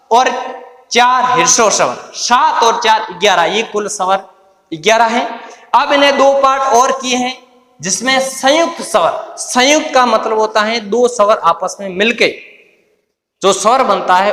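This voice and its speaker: A man teaching a grammar lesson, explaining slowly and repeating points, drawing out the sounds he names. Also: high voice, bright, forceful tone. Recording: echoey room with long reverb.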